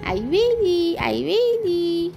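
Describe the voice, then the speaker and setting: A woman's voice: extremely high pitch, very animated, extremely slow, gravelly, warm tone, faint music behind, voice pushed up, heavily acted. A woman voicing a tiny, shy little girl who talks in babyish, lisping words in a storybook reading. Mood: gleeful.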